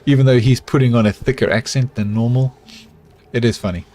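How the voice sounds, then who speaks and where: A mid-range male voice, fairly quick, belongs to a middle-aged streamer with a South African accent. He's playing a colony-building game, easygoing and talkative, trading remarks with his live chat and narrating his own building to himself.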